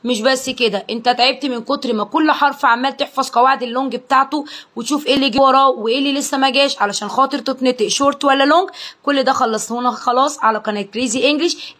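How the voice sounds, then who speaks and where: A young woman with an Egyptian accent teaches phonics to children. Her voice sits a little high. She drills each sound slowly and praises her students cheerfully. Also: a bit bright. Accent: Egyptian Arabic. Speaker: English pronunciation teacher.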